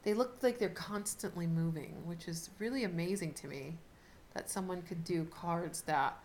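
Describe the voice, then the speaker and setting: A woman's voice: on the low side, darkish tone. Chatty woman reading tarot, noisy recording. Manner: chatty, halting, thinks aloud while handling cards. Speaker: tarot card reader hosting a video reading. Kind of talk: casual unscripted tarot reading. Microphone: camera set up in front of the speaker. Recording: noticeable background noise with clicks.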